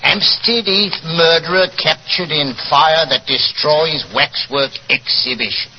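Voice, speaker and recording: A man's voice: a little high, a little slow, muffled recording, noisy background, close to an everyday voice. An actor playing a jovial, chatty police inspector, respectful and pleased with his own jokes, in 1940s radio acting style on an old recording.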